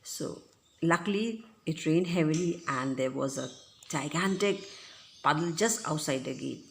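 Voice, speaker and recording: A woman, teaching a class. She reads a children's story a line at a time, then explains it in simple words and gives the characters' shouts some energy. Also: sits low, measured pace, vocal fry, a little hiss or hum. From India. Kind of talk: reading and explaining a textbook story.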